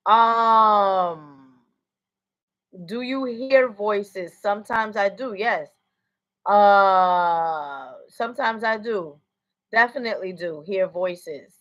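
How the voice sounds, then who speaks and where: An American psychic medium gives a casual livestream reading, rambling along and frequently asking "you know what I'm saying." Her mid-range voice is a bit bright. The highs in the audio are cut off.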